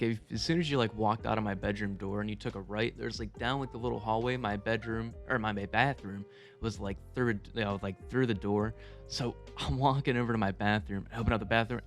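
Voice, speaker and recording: A young man telling stories casually to viewers in a rambling, amused, profanity-laced way with lots of slang. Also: medium pitch. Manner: amused, chuckling at own tales. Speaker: storyteller video creator. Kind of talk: casual storytime monologue.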